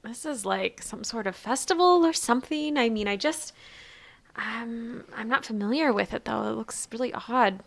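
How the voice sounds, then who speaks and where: A woman's voice: on the high side, normal speed, vocal fry. A woman playing a tabletop game, casual and friendly. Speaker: player. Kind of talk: tabletop role-play.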